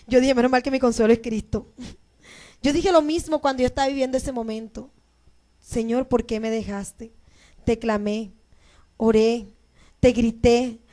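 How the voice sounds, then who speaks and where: A woman pastor preaching a sermon, moving between loud proclaiming and soft, emotional storytelling. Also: sits high. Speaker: pastor and teacher.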